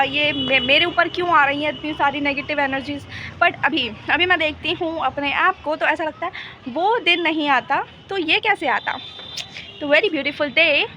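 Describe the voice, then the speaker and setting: Bright high-voiced young woman vlogging. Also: slight background noise. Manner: chatty and motivational, mixing English into Hindi. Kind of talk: casual vlog talk to camera.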